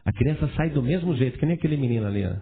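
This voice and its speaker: Animated male pastor, tinny sound. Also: mid-range voice, very fast, crowd noise. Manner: animated preaching with rhetorical questions to the congregation. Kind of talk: sermon.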